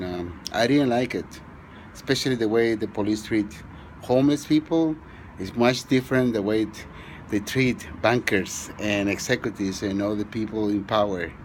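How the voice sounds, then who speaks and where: A middle-aged man from Peru, telling his own story in a halting way with many pauses and restarts. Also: fairly low pitch, a little hiss or hum. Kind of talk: personal testimony.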